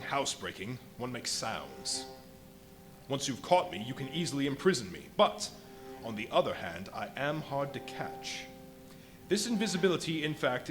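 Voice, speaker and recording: A man acts out a ruthless scientist drunk on power in a live radio play. He speaks at a middle pitch, imperious and deliberate, with menace in his phrasing, over prominent music. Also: natural voice. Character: ruthless, megalomaniac invisible scientist plotting a reign of terror. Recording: live stage recording with music underneath.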